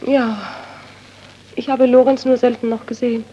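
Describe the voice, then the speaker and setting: A sorrowful, guilt-torn widow. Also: female voice, a little high, level tone, normal speed, dark tone, slightly rough, highs cut off. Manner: earnest, sorrowful, turns to anguished pleading. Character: grieving widow, tormented by guilt, pleading. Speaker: doctor's friend's widow. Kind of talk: 1930s radio acting.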